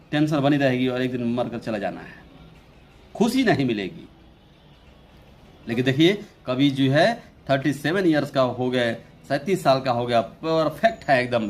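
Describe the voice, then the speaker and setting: A young man teaching an English poem in Hindi as an Indian English speaker, talking slowly, repeating his phrases and reading the English lines very slowly. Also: medium pitch, a little mellow, slight background noise. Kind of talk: Hindi poetry lesson explaining a poem.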